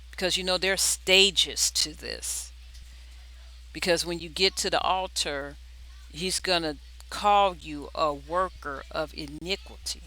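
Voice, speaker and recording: A person giving an impromptu religious exhortation like a video diary, pleading earnestly and urgently, often repeating words in a halting way. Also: mid-range voice, bright, forceful tone, rough recording. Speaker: video diarist sharing prophetic dreams.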